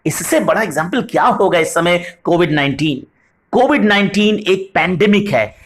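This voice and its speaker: Male English vocabulary tutor, patient explainer who slows down on English examples. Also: sits high, expressive. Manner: addresses viewers as "sahab", frequent "right?". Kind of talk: video vocabulary lesson.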